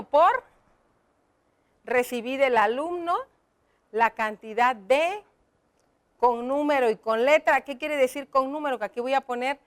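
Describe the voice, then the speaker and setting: Woman teacher, high pitch, slow explanatory delivery for young pupils. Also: smooth. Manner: slow, explaining step by step, addressing children. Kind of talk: classroom lesson.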